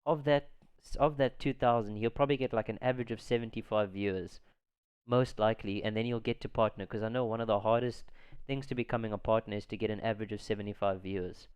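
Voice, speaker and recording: A man's voice: lowish voice, steady tone, fast talker, a little mellow, smooth. A man hosting a stream in casual chat, often restarting his phrases. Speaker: stream host.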